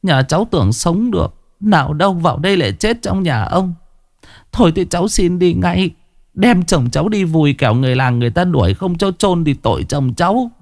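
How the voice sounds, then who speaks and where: A man voicing a poor, tearful peasant woman who begs for shelter in a high, pleading voice. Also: expressive, moderate pace, creaky, a little mellow, no echo, clean studio sound.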